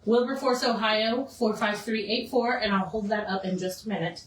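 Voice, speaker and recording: A woman's voice: mid-range voice, moderate pace, a little hiss or hum. A woman hosting a home cooking show, chatting in a playful, teasing way. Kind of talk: casual chat. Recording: distant roomy kitchen recording.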